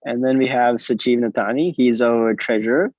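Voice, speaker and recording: Relaxed man from the Maldives hosting. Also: medium pitch, moderate pace, no echo, highs cut off. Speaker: student association officer. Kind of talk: casual presentation.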